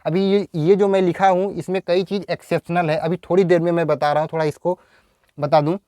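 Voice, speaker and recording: A man with a Hindi accent teaching an English lesson, dictating slowly and repeating each example sentence. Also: high voice, flat delivery, warm tone, clean tone, dry recording.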